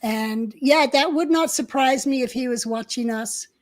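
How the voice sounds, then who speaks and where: High-voiced older woman reminiscing. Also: measured pace. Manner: reminiscing, chatty with fillers. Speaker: co-host. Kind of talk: casual live-stream chat.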